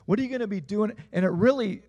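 Earnest pastor with a lifting voice. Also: male voice, quick pace, mellow. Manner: earnest, questioning the listeners, voice dropping low at phrase ends. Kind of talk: sermon.

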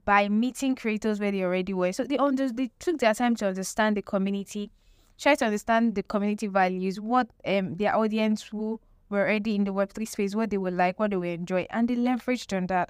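Clear-voiced woman presenting an emphatic lesson. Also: mid-range voice, dry recording, clean studio sound. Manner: emphatic, repeats key phrases, asks rhetorical questions. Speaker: presenter teaching marketing tips. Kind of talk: explanatory lesson with examples and tips.

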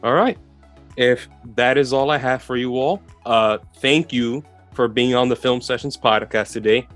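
A man's voice: mid-range voice, normal speed, a bit bright. A man hosting a casual podcast interview, asking questions and addressing his guests. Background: music.

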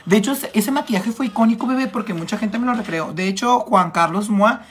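A man with a Mexican accent chatting casually on a makeup livestream, clearing his throat as a cold starts, affectionate and full of slang with his viewers. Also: high-pitched, a little fast, fairly bright tone, slight background noise. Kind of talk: casual live-stream chat reading comments.

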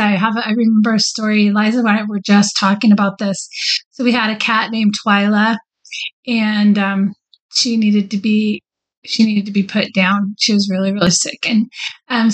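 A woman's voice: mid-range voice, low-quality recording. A middle-aged woman co-hosting a podcast, telling stories in a chatty way and laughing easily. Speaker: podcast co-host. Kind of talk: casual chat.

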